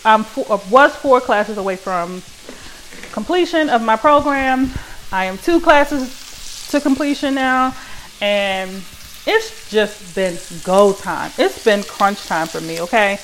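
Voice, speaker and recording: A woman's voice: a little high, lively intonation, slow pace, a bit bright, slight background noise. Chatty woman hosting from her kitchen. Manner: chatty, addresses listeners as y'all. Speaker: podcast host. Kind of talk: casual solo podcast chat. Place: home kitchen while cooking.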